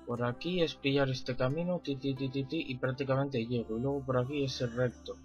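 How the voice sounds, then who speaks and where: A man doing let's play commentary, excitable, swearing and talking back to the game. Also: mid-range voice, fast, lo-fi sound, faint music behind. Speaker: gaming streamer.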